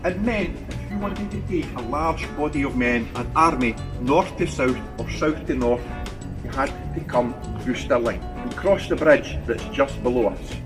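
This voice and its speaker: A man's voice: mid-range voice, animated, moderate pace, music in the background. A man from Scotland with a broad Scottish accent, working as a tour guide and telling history to a group in short, explanatory phrases.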